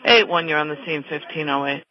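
Male fire dispatcher on muffled radio. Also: on the high side. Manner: measured, procedural, clipped phrases. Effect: two-way radio transmission. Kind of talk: formal radio dispatch announcements. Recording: dull radio channel, faint static.

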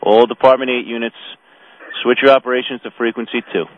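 Fast and flat, a medium-pitched male voice dispatches fire units by two-way radio in a formal, procedural style, echoing each message back. The audio is tinny and narrow, with hiss on the channel.

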